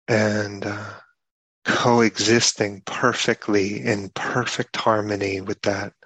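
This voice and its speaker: Slow, husky-voiced man giving a dharma talk. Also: fairly low pitch, bright, forceful tone, dry recording, low-quality recording. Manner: slow, halting, reflective, many pauses and fillers. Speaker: meditation teacher.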